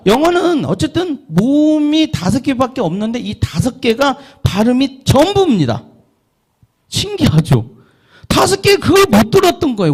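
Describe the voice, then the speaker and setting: A man's voice: very high voice, a little mellow, slightly rough. A middle-aged man lecturing an audience on learning English. He asks the listeners questions, answers them himself, and drills vowel sounds aloud.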